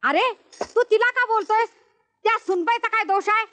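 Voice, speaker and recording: Film role: a middle-aged rustic mother-in-law, scolding, high voice. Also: normal speed, fairly bright tone. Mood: coaxing. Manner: scolding, lamenting. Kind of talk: film acting.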